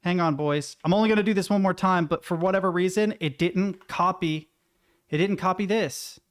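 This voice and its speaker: A man's voice: sits high, moderate pace. A man chatting casually on a livestream, thinking aloud with stammers, self-interruptions and some self-deprecating swearing. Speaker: live streamer.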